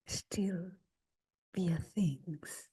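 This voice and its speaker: A meditation teacher leads a slow guided meditation in a hushed, breathy, husky near-whisper with a fairly low pitch. She is gentle and unhurried, leaving long pauses between short phrases.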